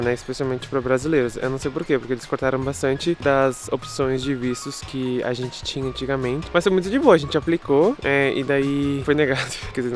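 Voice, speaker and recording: A young man from southern Brazil with a Gaúcho accent, chatting casually to camera as a vlogger outdoors in a park, peppering his talk with "né?" and "tipo". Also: medium pitch. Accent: Gaúcho Brazilian Portuguese. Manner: chatty, with frequent "né?" and "tipo" fillers. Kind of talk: casual chat.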